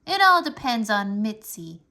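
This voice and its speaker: A shrill, bouncy little boy from a storybook who loves showing off, as a woman reads him out. His voice swoops high and bright and bursts into excited cries. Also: measured pace, heavily acted. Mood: chattering. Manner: excited, loud outbursts. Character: little boy, chatty show-off, loves attention.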